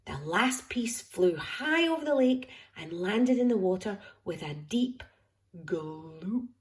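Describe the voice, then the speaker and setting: A woman reading a picture book aloud to a child, expressive and affectionate, dropping at times into hushed whispers. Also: medium pitch, takes it slowly. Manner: affectionate toward listener. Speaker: storyteller.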